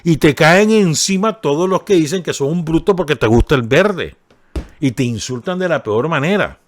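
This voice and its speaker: A man's voice: fairly high pitch, expressive, moderate pace. A man with a Nicaraguan Spanish accent giving radio commentary, talking casually and checking in with his listeners as he reads and remarks on a column. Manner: conversational, asks listeners for agreement, ironic asides. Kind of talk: spoken commentary reading and discussing a column. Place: radio studio.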